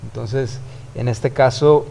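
A man's voice: medium pitch, steady tone, slow, gravelly, dark tone. Earnest Mexican man reflecting on a podcast. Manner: earnest, reflective, many restarts. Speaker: youth worker. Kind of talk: casual podcast conversation.

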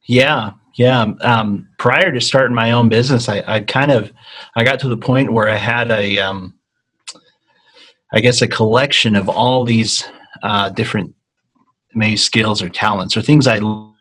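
Guest: low-pitched man, husky voice, hesitant and restarting, casual interview talk. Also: fairly bright tone, rough recording. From Argentina. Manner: halting, many ums and restarts. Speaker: guest, consulting company founder.

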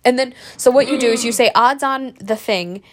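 A young woman with a fairly high-pitched voice co-hosts a casual chat. She tells stories in a giggly, animated way, laughing often as she talks. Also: normal speed. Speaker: co-host.

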